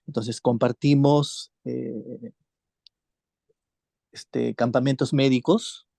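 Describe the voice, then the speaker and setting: Gravelly, hesitant man on a call. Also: mid-range voice, fairly even intonation, takes it slowly, warm tone, dry recording. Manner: hesitant, many fillers and restarts. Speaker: webinar attendee asking questions. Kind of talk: hesitant question on a video call. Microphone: video call.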